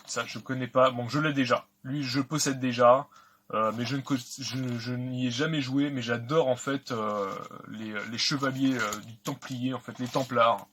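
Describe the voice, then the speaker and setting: A man's voice: medium pitch, fairly even intonation, moderate pace, fairly bright tone, a little hiss or hum. A man casually talking through an unboxing of video games, chatty and hesitant with many fillers. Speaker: video game collector vlogger.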